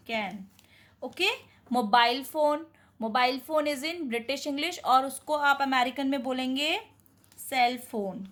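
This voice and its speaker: A woman teaching English vocabulary in Hindi, quizzing viewers and repeating each answer more softly. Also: sits high. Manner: mixes Hindi and English words.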